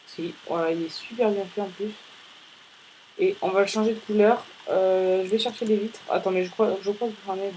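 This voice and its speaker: Brief: male let's-play host, rambling and playful, talks straight to viewers, mid-high voice, faint hiss. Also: fairly even intonation, moderate pace, a little mellow, low-quality recording. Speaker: gaming channel host. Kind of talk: casual let's-play commentary.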